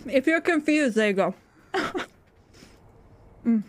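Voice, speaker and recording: A woman streamer with a high-sitting, expressive voice speaks slowly as she eats and games. Her chat with viewers is casual and talkative, full of laughs, and she keeps eating while she talks.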